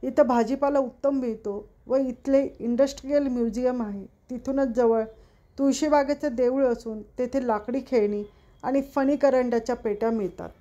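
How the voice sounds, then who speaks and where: A woman's voice: high-pitched, steady tone, moderate pace, mellow, natural voice. A woman voicing a fussy middle-aged schoolmaster dutifully reading out a travel plan, in a dull lo-fi recording.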